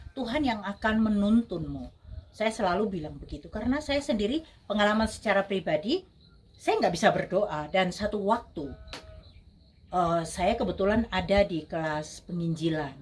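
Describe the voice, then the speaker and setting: A woman's voice: fairly low pitch, slight background noise. A middle-aged woman minister telling a personal testimony in a sermon, speaking emotionally and addressing the congregation directly. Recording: voice from a distance with clear background ambience.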